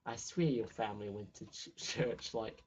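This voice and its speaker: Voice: medium pitch, normal speed, a little mellow, breathy edge, pitched below the performer's own voice, close to an everyday voice, poor audio. A player reading game dialogue aloud as a snobbish, gossipy teenage girl with a drawling valley-girl manner full of "like". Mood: teasing.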